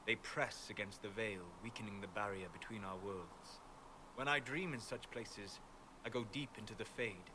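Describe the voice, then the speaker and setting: An actor playing a calm, scholarly mage in a video game, speaking in a measured, wistful, formal way like a guide to dreams. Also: male voice, fairly low pitch, noisy background, natural voice. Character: calm, scholarly apostate mage, a male dreamer of ancient memories.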